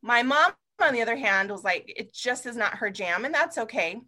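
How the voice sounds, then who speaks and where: A woman guest on an interview podcast, telling lively stories, swearing freely and laughing often. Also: fairly high pitch, moderate pace. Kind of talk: casual interview chat.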